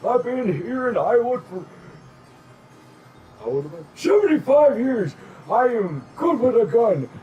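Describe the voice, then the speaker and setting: A man's voice: very high-pitched, big pitch swings, measured pace, pauses often, roomy sound, narrow, tinny audio, faint music behind, full character voice. A man voicing a chipper 75-year-old Iowa man with a cane, in a quavering, cheerful old-man voice, during a tabletop game. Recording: distant mic with faint noise.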